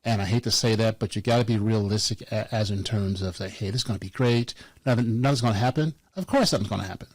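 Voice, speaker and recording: A man's voice: fairly low pitch, fast, few pauses, dry recording. Blunt, joking man podcast co-host. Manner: blunt and joking, repeats words as he starts a thought. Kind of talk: casual podcast chat.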